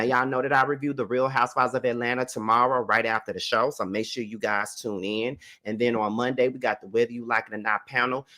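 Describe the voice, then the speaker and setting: A man's voice: medium pitch, bright, forceful tone. Sassy American man hosting a livestream. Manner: sassy, chatty, slangy. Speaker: host of reality TV reaction show. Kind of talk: casual livestream commentary.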